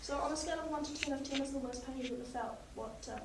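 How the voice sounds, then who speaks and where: Speaking rapid-fire with some vocal fry, this paramedic student narrates her clinical skills demonstration in a practical exam. Her high voice is going hoarse, yet she stays calm and instructive, guiding the patient step by step, in a distant, echoey and noisy recording.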